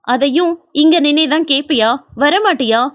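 Woman voicing a sharp, scolding elder sister-in-law. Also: high-pitched, moderate pace, natural voice.

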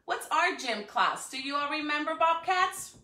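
Her voice sits high, expressive and pushed bright, at a moderate pace, with faint music behind her. She's a school educator reading to children over a livestream from her living room, encouraging them through questions. Recorded on a phone or camera a few feet away, the room echoes and she sounds distant.

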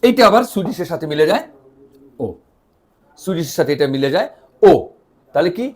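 A man teaching an online language lesson, spelling out letters one by one and drilling their sounds, often asking questions and answering them himself. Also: high voice. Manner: animated, spells letters out slowly with repeated drills.

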